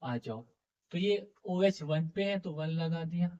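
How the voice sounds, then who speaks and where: A man's voice: fairly high pitch, expressive, measured pace, darkish tone. A man teaching a chemistry class, coaxing students with repeated questions, his voice a little heavy from being unwell. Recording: dull, muffled lo-fi sound.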